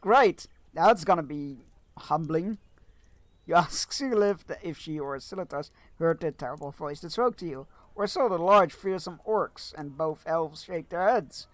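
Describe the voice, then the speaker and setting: A man's voice: a little high, normal speed, no room sound. A man streaming a fantasy game, chatting sarcastically, swearing, laughing and reading quest text aloud. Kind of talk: casual live-stream commentary.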